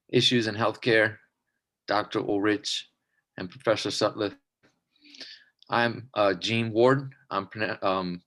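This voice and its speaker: A man presenting for his student group over a video call, earnest and halting with many fillers. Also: fairly low pitch, a bit bright.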